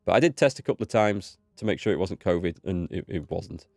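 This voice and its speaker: Speaking a little fast in a low, creaky, darkish voice, this game host is expressive and easygoing as he reads on-screen text and thinks through his moves. His nose is slightly blocked as he recovers from a cold. There's no room sound in the recording.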